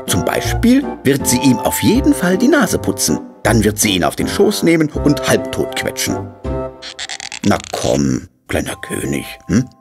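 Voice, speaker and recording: A man narrating a children's cartoon story in a gentle, coaxing way, speaking to the little hero. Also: medium pitch, wildly swooping pitch, measured pace, music in the background. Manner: gentle, coaxing, talks to the figure.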